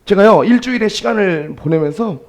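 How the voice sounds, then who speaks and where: A male pastor preaching a sermon, shifting between soft storytelling and loud, emphatic exclamations, asking the congregation rhetorical questions. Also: high-pitched, animated, a little fast. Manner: addresses congregation directly, asks rhetorical questions.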